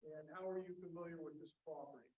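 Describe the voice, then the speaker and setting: A man's voice: fairly high pitch, steady tone, quick pace, a little mellow, a little hiss or hum, low-quality recording. A man acting as an attorney, questioning witnesses step by step at a public zoning hearing, with leading questions and frequent fillers. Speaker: attorney presenting a zoning case.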